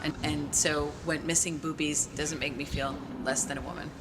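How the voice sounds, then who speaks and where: A woman's voice: low-pitched, fairly even intonation, normal speed. A woman in her forties speaking bluntly and frankly in an interview. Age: 40s. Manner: blunt, frank, with mild profanity. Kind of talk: candid interview talk. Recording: noisy recording.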